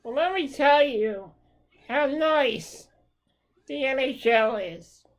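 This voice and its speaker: Angry woman fan, profane rant to camera, slow-paced, a bit high-pitched. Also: expressive, poor audio. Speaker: hockey fan.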